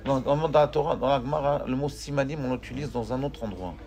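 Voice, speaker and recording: A man teaching a Torah class, animated, asking his students questions and joking with them. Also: medium pitch, quick pace.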